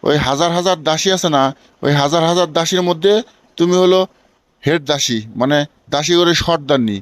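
A man's voice: fairly high pitch, a little fast, no room sound, natural voice. A man playing a foolish, boastful, lovestruck young villager in a comic cartoon, emphatic and colloquial, with a Bangladeshi regional accent. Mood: dreamy, boastful. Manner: emphatic, keeps checking he is understood.

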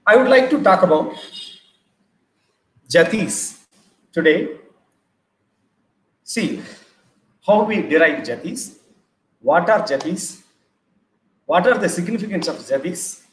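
A middle-aged man with a South Indian accent, giving an informal dance lecture-demonstration, explaining in short phrases with pauses between them. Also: high voice, expressive. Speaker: classical dance teacher. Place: large bare indoor hall. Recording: echoey room, audible background noise.

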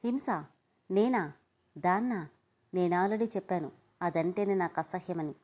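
A woman doing a cold, defiant young man who spits out short scornful comebacks. The voice stays mellow and soft-edged underneath the bitterness, read aloud as a storybook character. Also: lowish voice, measured pace. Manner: clipped, scornful retorts.

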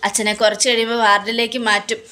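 A woman voicing a caring young daughter who gently pleads with and soothes her sick father. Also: a little high, flat delivery, fast talker. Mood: pleading.

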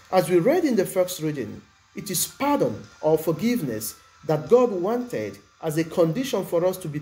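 A man preaching with a lively, rising and falling delivery, leaning hard on key words. His tone is mellow and dark. Soft music plays faintly beneath the sermon. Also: high voice. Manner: measured, emphatic preaching with stressed words.

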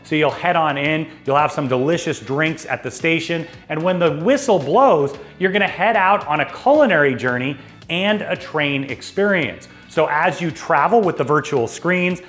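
Talking to camera from a dark indoor studio, a forties-aged travel agency host pitches a cruise with upbeat, salesy energy and personal asides. His voice sits on the high side, animated and fairly bright at a moderate pace, picked up by a lapel mic over faint background music.

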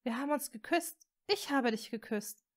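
A woman's voice: normal speed, lightly acted. A woman reading a fan story aloud, voicing a shaken, confused teenage boy wizard in a raised, agitated voice. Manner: agitated, pitched up.

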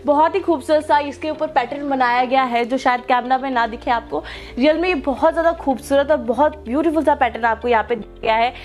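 A young Indian woman with a bright, high voice presents a property walkthrough, gushing enthusiastically over every detail in an eager sales pitch. She tours a large furnished apartment indoors while faint, soft music plays beneath her.

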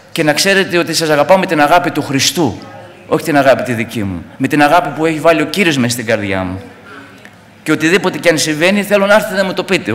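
Middle-aged man, fervent church testimony, high pitch, long hall reverb. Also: fairly bright tone. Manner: fervent, repetitive, preacherly. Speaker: church member giving testimony.

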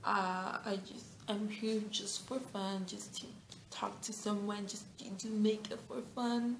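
Talking to the camera from a small, bright room, this eighteen-year-old Mexican beauty vlogger, whose first language is Spanish, keeps things casual with plenty of fillers, giggles and restarts. Her medium-pitched voice is gravelly and flat, delivered at a measured pace. The audio sounds roomy and carries a faint hiss or hum.

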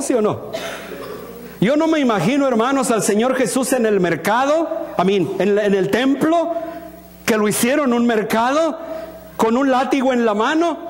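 A pastor preaching a sermon in a church, asking the congregation questions, acting out little scenes and slipping in English words. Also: male voice, extremely high pitch. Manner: animated, asks the congregation questions and acts out scenes. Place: church hall. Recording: long reverb of a church hall.

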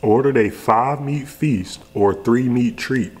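A man's voice: medium pitch, slow pace. A young adult American man giving a laid-back, slangy food review, talking casually to the camera as he eats. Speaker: food reviewer, video host. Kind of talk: casual chat to camera while eating. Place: indoors, home kitchen.

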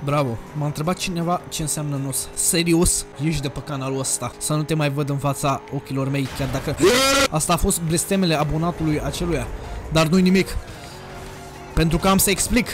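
Excitable, crude young man gaming. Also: on the high side, music in the background. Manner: excitable and crude, bursts of shouting. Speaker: gaming youtuber. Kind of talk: casual gameplay commentary. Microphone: desk USB microphone.

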